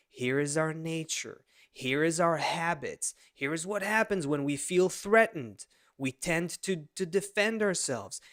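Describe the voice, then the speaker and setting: A fairly high-voiced man in his thirties chats on a video call. He tells stories in an animated way and often restarts his sentences. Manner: animated storytelling with frequent restarts. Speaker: podcast co-host. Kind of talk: casual conversation.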